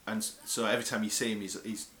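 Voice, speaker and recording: Bright-voiced man in an echoey room. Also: on the low side, little pitch movement, quick pace. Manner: chatty, laughs often, hedging with ums. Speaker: podcast co-host. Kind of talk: casual commentary chat.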